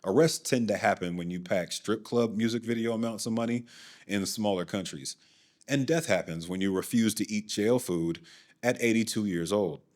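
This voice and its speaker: A man's voice: on the low side, moderate pace, a little mellow. A man hosting and narrating a documentary in a scripted way, with dry, sardonic asides. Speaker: documentary host.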